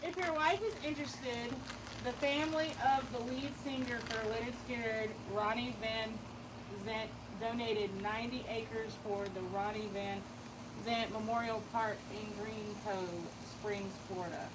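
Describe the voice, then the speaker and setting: A woman's voice: on the high side, steady tone, measured pace, noisy background. A woman co-hosting a casual livestream, reading out viewer names and messages and teasing her partner. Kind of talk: casual chat.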